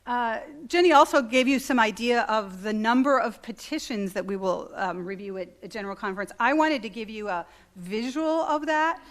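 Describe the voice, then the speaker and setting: A woman's voice: a little high, lively intonation, moderate pace. A middle-aged woman, a church conference delegate, giving an informal talk to a meeting with many ums and restarts. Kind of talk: informal presentation. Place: meeting hall.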